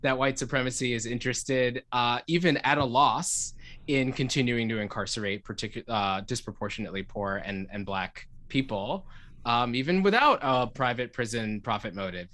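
A man's voice: mid-range voice, normal speed, fairly bright tone. Man talking on a video call. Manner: thinking aloud, frequent fillers and restarts. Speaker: panelist. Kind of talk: online panel discussion.

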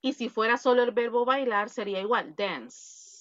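A woman's voice: on the high side, animated, normal speed, a bit bright. A woman leads an online English class over a video call, switching between Spanish and English as she drills verbs. She corrects the students' pronunciation often. Her voice sounds slightly muffled and dry, with no room echo. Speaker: English teacher.

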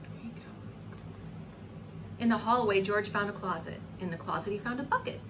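A woman in her forties, voice medium in pitch and a bit bright, reads a children's story aloud at a moderate pace like a preschool teacher. She is very expressive, stretching out words and coaxing her little listeners with questions. The home recording is clearly noisy.

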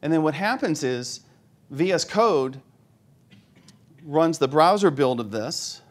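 A man giving a live conference talk, demoing software on stage, joking with the audience and talking himself through each step. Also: fairly high pitch, animated, slow pace. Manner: joking, self-deprecating, thinks aloud while demoing. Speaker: conference speaker. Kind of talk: live tech talk demo.

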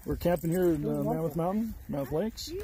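A man's voice: fairly high pitch, a little fast, crowd noise. A man hosting a travel vlog outdoors on a hiking trail, chatting in a rambling, easygoing way full of fillers, recorded on a camera mic. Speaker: travel vlogger, host. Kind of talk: casual vlog narration on a hike.

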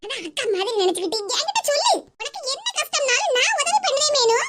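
A woman's voice: very high voice, very animated, quick pace. A woman voicing a scheming, sweet-talking village neighbor in a cartoon, with a Tirunelveli Tamil accent, muttering sly asides. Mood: coaxing. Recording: loud background noise.

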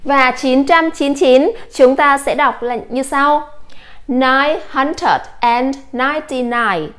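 A woman English teacher from Vietnam giving a patient lesson, slowly modeling English words for her students. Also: sits high. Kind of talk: classroom lesson.

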